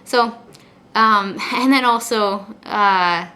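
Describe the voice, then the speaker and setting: Bright-voiced woman with soft, W-like R's. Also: mid-range voice, extremely slow, poor audio. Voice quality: soft, imperfect R sounds, leaning toward W. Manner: rambling, repeats words and phrases before finishing. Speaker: video blogger. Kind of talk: casual confessional chat to camera. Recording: clear background noise.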